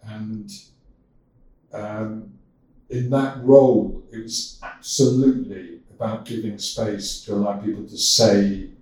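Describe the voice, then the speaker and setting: Halting older man in an echoey room. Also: on the low side, steady tone, darkish tone, distant mic. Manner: halting, with frequent repeated starts. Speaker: podcast guest, strategist. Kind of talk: casual interview talk.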